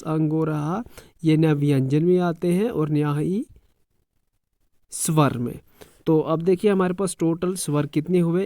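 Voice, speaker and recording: Slow, measured male teacher, mellow voice. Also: on the high side, dry recording, clean studio sound. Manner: repeats phrases, frequent "thik hai" check-ins; sounds out letters slowly one by one. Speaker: school teacher. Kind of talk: classroom lesson explanation.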